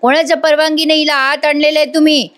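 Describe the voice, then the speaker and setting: A woman voicing a stern middle-aged man with a quick temper while retelling a TV serial scene, scolding and firing off demands. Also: high-pitched, little pitch movement, a bit bright, pitched above the performer's own voice. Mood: angry.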